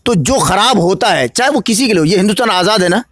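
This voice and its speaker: Bihari man, candidate, high voice, preacherly answers building to declamation, dry close sound. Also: lively intonation, quick pace, fairly bright tone, no echo. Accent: Bihari Hindi-Urdu. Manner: preacherly, rising to emphatic declamation. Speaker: election candidate. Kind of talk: political interview answers.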